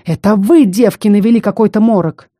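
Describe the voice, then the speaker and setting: A woman's voice: fairly low pitch, expressive, measured pace, dark tone, dry recording, clean studio sound. A woman voicing a scheming male necromancer. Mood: panicked. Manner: mocking, coaxing. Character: menacing male necromancer magister, cruel and scheming.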